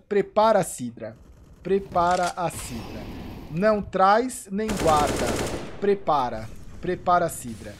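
Excited Brazilian man calling a shooter match. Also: high voice, noisy background. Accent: Brazilian Portuguese. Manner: shouts and swears at big plays. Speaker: esports streamer commentator. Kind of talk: excited live game commentary. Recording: live stream with game gunfire behind.

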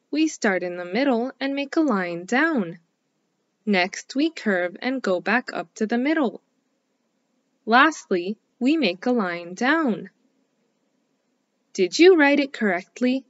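A woman teaching a scripted phonics lesson for young children, speaking slowly and clearly in an encouraging way. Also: on the high side, animated, dry recording, highs cut off. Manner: slow, clearly enunciated, encouraging.

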